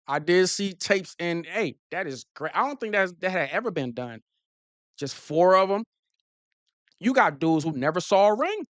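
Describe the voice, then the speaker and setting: A man hosting a casual live stream, talking fast and excitedly, repeating himself and using slang. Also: high-pitched, smooth, no echo. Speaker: football streamer host.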